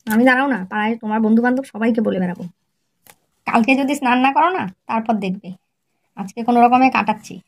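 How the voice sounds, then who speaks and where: A woman's voice: on the high side, fast. A woman narrating a comic family skit and playing a nagging, exasperated wife. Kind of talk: comic storytelling with acted dialogue.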